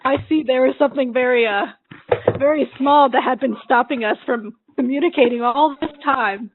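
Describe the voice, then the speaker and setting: A woman's voice: high-pitched, normal speed, a little hiss or hum. A woman hosting a drawing livestream, chatting casually and laughing often as she works. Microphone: computer mic she adjusts. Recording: narrow phone-like sound.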